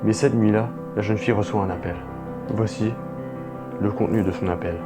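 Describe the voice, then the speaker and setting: A man's voice: on the low side, fairly even intonation, a little fast. A young man co-hosting a horror video, narrating eerie stories dramatically with chatty asides to viewers. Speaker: co-host. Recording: music playing behind.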